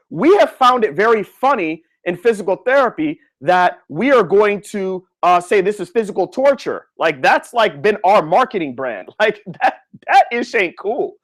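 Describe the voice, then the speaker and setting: A man who is a physical therapist, giving a live online lecture in a slangy, animated way, talking straight to his listeners. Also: high-pitched. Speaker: physical therapist coaching students.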